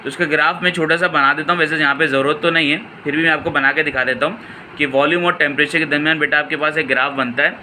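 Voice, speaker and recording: A physics tutor explains exam solutions in a fairly high, strikingly bright voice, quick-paced with fairly even intonation. He addresses students as "beta" and answers his own questions. The low-quality recording carries a faint air-conditioning hum.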